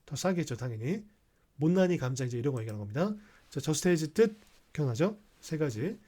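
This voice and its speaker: Guy teaching english grammar in a lecture, reads lines out then explains, keeps asking right?, kinda high voice. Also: sing-song, a little fast, dark tone, husky. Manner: explanatory, mixing Korean with English readings, frequent rhetorical checks. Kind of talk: explaining sentences in a recorded class.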